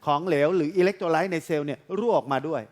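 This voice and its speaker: A man interpreting a training lecture sentence by sentence, politely adding courtesy particles. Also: a little high. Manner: brisk and polite, with frequent polite sentence-ending particles.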